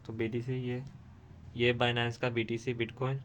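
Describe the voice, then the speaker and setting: A man's voice: mid-range voice, completely flat delivery, slow, a little hiss or hum. A man, hosting a screen-recorded tutorial and explaining steadily, with frequent restarts. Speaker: tutorial host.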